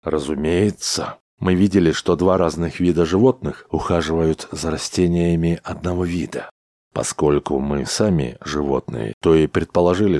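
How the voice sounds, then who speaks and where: A man reading Chauns, a calm, reasoning starship pilot. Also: low voice, dry recording, studio quality.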